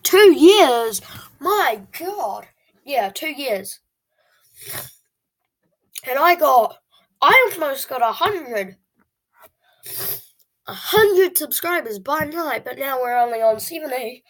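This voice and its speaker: A high, somewhat bright voice, very expressive and slow with frequent pauses, captured on a rough recording. It belongs to an eleven-year-old who runs a video channel and casually tells viewers stories in a dramatic, whiny manner.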